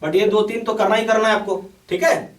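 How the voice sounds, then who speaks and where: A man's voice: high voice, steady tone, normal speed. Male exam tutor, emphatic and insistent, recorded in a roomy, echoey space. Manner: repeats "okay" often, urging and emphatic. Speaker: bank exam coaching teacher. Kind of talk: explaining a course to students. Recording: echoey room, mic at a distance.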